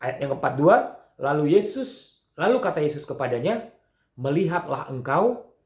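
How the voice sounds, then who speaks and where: A man teaching Sunday school, telling a Bible story to children in an animated way, with frequent fillers, acting out the characters' lines. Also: fairly high pitch, moderate pace. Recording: echoey room.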